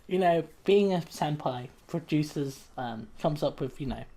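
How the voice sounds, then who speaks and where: A man with a slightly high voice co-hosting a casual podcast. He chats loosely, stumbling through ums and restarts before landing on a joke. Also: expressive, measured pace, warm tone. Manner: hesitant, full of ums and restarts. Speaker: podcast co-host.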